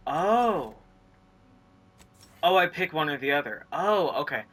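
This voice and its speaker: A gaming streamer giving let's play commentary, excitable and rambling, reading the game's text aloud between reactions. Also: medium pitch, a little fast.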